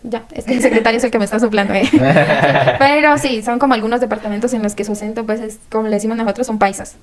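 A woman's voice: on the high side, fast talker, crowd noise. A young woman from Colombia with a Colombian accent, chatting casually as an exchange-student guest in an interview. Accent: Colombian, not paisa. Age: young adult.

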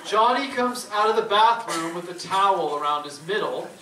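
A man on a cinema stage reading a script's stage directions aloud to a live audience, amused and brisk. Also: sits high, expressive, recorded from a distance, over a noisy crowd, heavy background noise. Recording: echoey hall, picked up from afar.

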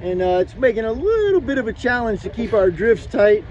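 A man's voice: high voice, sing-song, brisk, dull audio. A man hosting a fishing show, giving easygoing explanations from an open boat at sea, recorded on an action camera. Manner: explanatory, easygoing, with frequent fillers. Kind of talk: casual on-boat commentary. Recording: loud wind and boat noise.

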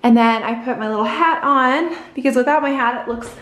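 A woman's voice: high-pitched, a little fast, a bit bright, echoey room. A woman vlogging casually at home, chatting and gushing about clothes. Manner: chatty, gushing, coos at the kids. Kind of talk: casual vlog chat.

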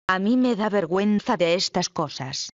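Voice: medium pitch, animated, normal speed, no echo, lightly acted. A reader doing a shy, bashful young sister. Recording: dull, lo-fi, dry.

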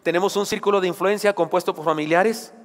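Emphatic preacher in an echoing hall. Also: male voice, high-pitched, steady tone, quick pace. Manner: emphatic, rhetorical questions, joking asides. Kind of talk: sermon. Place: church sanctuary. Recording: long church hall reverb.

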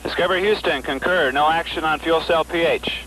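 A man's voice: fairly high pitch, fairly quick, sharp tone, a little hiss or hum, rough recording. Man calling clipped callouts over radio. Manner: terse, procedural. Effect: air-to-ground radio transmission. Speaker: mission control capsule communicator.

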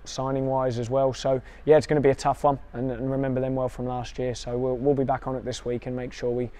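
This warm-toned man in his thirties is a football coach fielding questions after a match, outdoors beside the pitch. His pitch barely moves, and he speaks in a measured yet quick way with small restarts.

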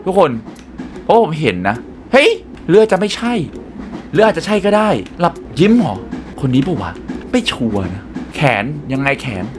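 A young man hosting a gaming channel, excitedly commenting on a puzzle game and talking to his viewers. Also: high voice, normal speed, faint music behind. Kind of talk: let's play commentary.

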